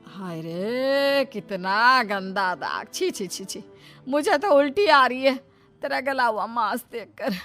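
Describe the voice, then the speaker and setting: एक महिला की आवाज़ में ऊँचे सुर की, जली-भुनी सास. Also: female voice, a little high, animated, a bit bright, soft background music, voice pushed up. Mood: scolding, disdainful. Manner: scolding, drawn-out exclamations. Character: spiteful scheming middle-aged mother-in-law, easily frightened. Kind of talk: dramatised moral story.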